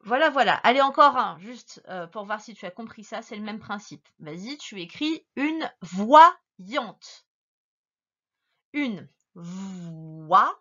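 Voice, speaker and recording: A woman teacher giving a slow dictation lesson to a young child, patiently stretching words and spelling them out letter by letter. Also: fairly high pitch, expressive, sharp tone, muffled recording.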